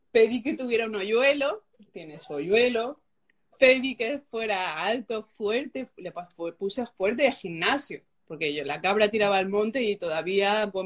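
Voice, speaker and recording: Husky young woman telling her story. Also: mid-range voice. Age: young adult. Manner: emotive storytelling, acts out quoted dialogue. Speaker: guest sharing a conversion story. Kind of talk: personal testimony, casual.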